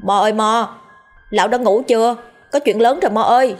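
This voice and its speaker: Timid young village man, whiny and pleading, slightly husky, voiced by a woman. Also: lowish voice, expressive, normal speed, a little mellow, soft background music.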